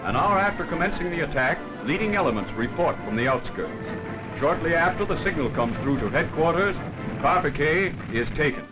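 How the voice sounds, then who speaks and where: Reading scripted narration for a wartime newsreel, a man uses a formal, dramatic 1940s delivery in a fairly high, expressive voice at normal speed. Loud background music fills the dull vintage 1940s film soundtrack.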